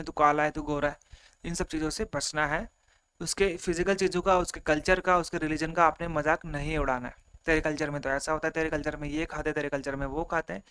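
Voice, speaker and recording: The voice sits high, sharp yet clean, as a man explains exam-prep material online in simple steps he repeats. He acts out examples and blends English terms into his Hindi.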